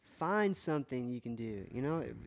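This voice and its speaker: Moving at a moderate pace, this co-host's medium-pitched voice swings widely in pitch. He shares his faith on a casual podcast through earnest, emotional testimony, often starting his sentences over.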